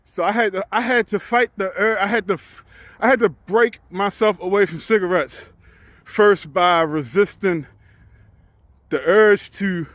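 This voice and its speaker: A man in his forties speaks in a fairly high voice, candid and reflective, with a casual vlog feel. He works his thoughts out loud and restarts sentences as he goes. The sound is close and dry, with little room in it. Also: a little slow, no room sound. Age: 40s. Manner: talks while out on a walk. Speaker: truck driver.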